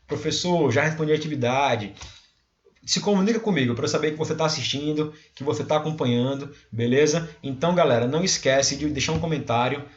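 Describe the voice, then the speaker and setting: A man's voice: fairly high pitch, quick pace, hardly any pauses, highs cut off. A male teacher with a Brazilian Portuguese accent, explaining a recorded class and often checking in with his students. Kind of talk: recorded remote class lesson.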